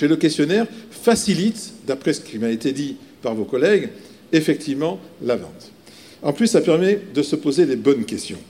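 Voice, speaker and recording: A man speaking as a sales trainer in a live seminar. He is emphatic, hammers key words by repeating them and fills pauses often, in a slightly high male voice. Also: a little mellow.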